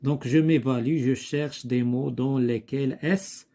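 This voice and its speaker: A man with a Moroccan accent teaching French spelling, slowly repeating each word and thinking aloud as he goes. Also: medium pitch, fairly even intonation, mellow. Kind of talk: slow classroom explanation.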